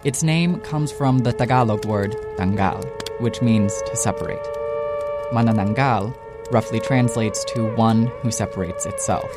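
A man's voice: mid-range voice, measured pace. A man narrating scripted spooky stories as a radio host, in an ominous, dramatic horror-trailer manner. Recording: music under the voice. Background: background music.

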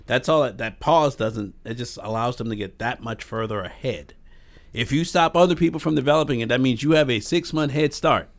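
A man's voice: mid-range voice, brisk. A man giving casual, plain-spoken opinions as a podcast commentator.

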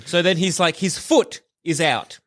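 A man's voice: a little high, measured pace, fairly bright tone. An Australian man co-hosting a comedy podcast, animatedly talking through absurd plans. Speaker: podcast co-host. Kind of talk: comedic improvised chat.

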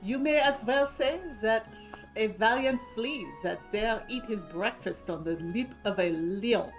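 A woman's voice: on the high side, measured pace, soft background music, rough recording. A woman playing a scornful French nobleman, reading in an exaggerated mock French accent.

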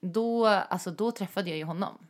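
A young adult woman in casual chat, telling a personal story in an animated way and acting out quoted dialogue. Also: mid-range voice.

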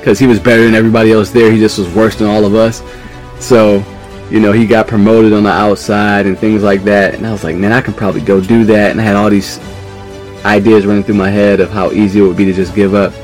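A man from New York, a podcast guest, telling a story in a casual, animated way, laughing as he goes. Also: fairly low pitch, fast talker, faint music behind. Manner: animated, acts out quoted voices, laughs mid-story.

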